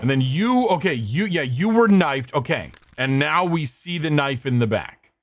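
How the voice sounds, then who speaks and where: A young man streaming a mystery game and puzzling over clues out loud. His pitch moves a lot as he talks. He jumps between thoughts, swears, and stops to greet viewers. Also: expressive, moderate pace. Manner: thinking aloud, scattered, swearing, greeting chat. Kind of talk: casual gameplay commentary.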